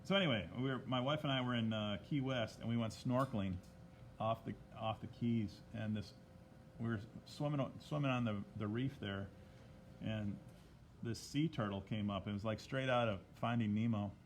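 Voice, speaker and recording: A man in the middle pitch range talks loosely through a live drawing lesson, recorded on a tablet microphone. He chats with viewers by name as he goes. A faint hiss sits under the voice. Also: moderate pace. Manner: chatty, greets viewers by name mid-lesson.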